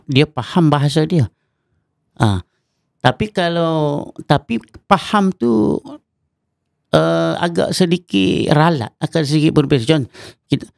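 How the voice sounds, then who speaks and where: A man's voice: a little high, vocal fry, no room sound, clean studio sound. A Malaysian man with a Malaysian Malay accent, a Quran recitation teacher explaining patiently and breaking into melodic chanted examples. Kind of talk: explanatory podcast interview. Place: mosque podcast studio.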